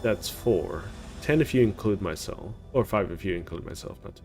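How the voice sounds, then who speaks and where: A man's voice: low-pitched, expressive, normal speed, a little mellow, soft background music. A man hosting a video game playthrough, casually commenting and reading on-screen text aloud. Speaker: gaming playthrough host.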